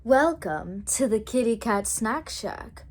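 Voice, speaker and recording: A woman voicing a sly, hungry cat who runs a snack shack, smooth and savoring. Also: on the high side, lively intonation, takes it slowly, a little mellow, heavily acted.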